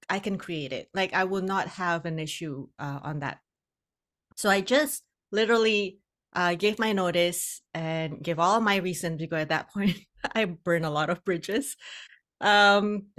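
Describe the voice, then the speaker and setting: A woman's voice: mid-range voice, a bit bright. A middle-aged woman from Indonesia, telling her story as a podcast guest over a video call, candid and often laughing between phrases. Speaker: guest, hypnotherapist and coach. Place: home room, indoors. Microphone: podcast microphone on video call.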